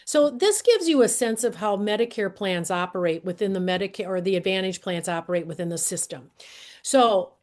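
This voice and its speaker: Hoarse older woman giving a talk. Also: medium pitch. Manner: earnest, clears her throat often, walks through slides. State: hoarse, losing her voice. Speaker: guest speaker, healthcare advocate. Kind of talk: presentation talk.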